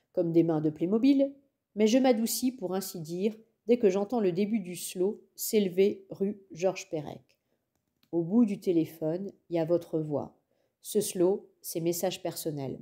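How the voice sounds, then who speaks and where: A woman reads a young-adult novel aloud in calm, measured first-person narration. Her voice is low-pitched and mellow, unhurried and even. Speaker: audiobook reader.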